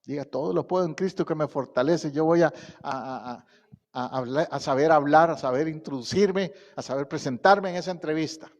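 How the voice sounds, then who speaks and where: A middle-aged man preaching a sermon, reciting scripture with rising emphasis and pausing often. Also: a little high, a little mellow, big-room sound. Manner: slow, deliberate pacing with pauses. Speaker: pastor. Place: church sanctuary.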